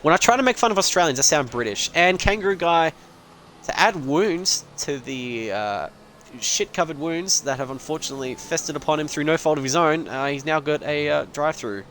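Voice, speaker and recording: A man's voice: a little high, lively intonation, a little fast, fairly bright tone, slight background noise. Casual man commentating a sim race. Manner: casual, rambling, swears and laughs. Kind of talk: live esports race commentary.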